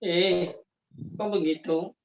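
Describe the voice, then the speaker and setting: A man's voice: sits high, steady tone, takes it slowly, gravelly, highs cut off, slight background noise. A man teaching an online Arabic class, correcting his students' vocabulary and mixing Arabic phrases into Indonesian.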